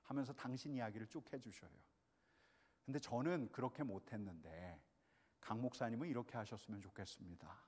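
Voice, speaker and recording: A male pastor preaching a sermon, swinging between hushed and loud. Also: medium pitch, a little fast, husky. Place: church sanctuary. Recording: long reverb of a church hall.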